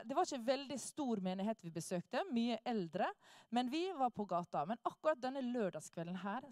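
A woman telling a lively personal testimony. She acts out the people she quotes and laughs often. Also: mid-range voice, dry recording, clean studio sound. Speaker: speaker sharing a testimony.

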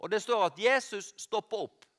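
A man with a Norwegian accent preaching a sermon, animated, rising to loud cries and often correcting himself mid-phrase. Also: high-pitched.

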